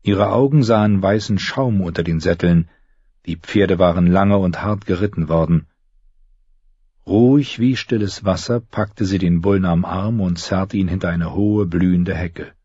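A man narrating an audiobook in a measured, even storytelling voice, close to the mic. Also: low voice, slightly rough, dry recording, highs cut off. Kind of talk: scripted narration.

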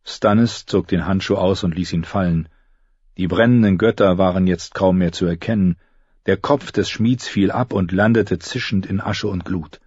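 A man narrating an audiobook in a steady, measured storytelling manner. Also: low-pitched, slightly rough, no room sound, dull audio. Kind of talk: scripted narration.

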